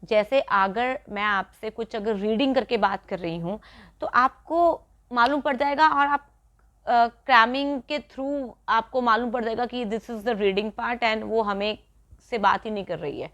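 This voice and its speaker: A woman's voice: fairly high pitch, a little slow, a bit bright. A woman teaching spoken English, talking straight to the viewer in a casual, earnest, advising way. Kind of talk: casual spoken English lesson, mixing Hindi and English.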